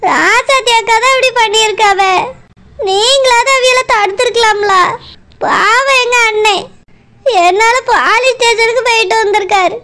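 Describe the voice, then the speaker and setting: A woman's voice: very high voice, normal speed, bright, forceful tone. A woman voicing a tearful young wife pleading for her brother in a cartoon, speaking with a Tirunelveli Tamil accent.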